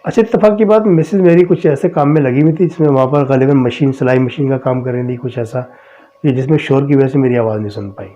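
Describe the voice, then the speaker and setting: Mellow-voiced man telling personal stories. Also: mid-range voice. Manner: conversational, retells dialogue with frequent "I said". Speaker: podcast host telling his own experiences. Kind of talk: casual personal storytelling. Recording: dull lo-fi recording.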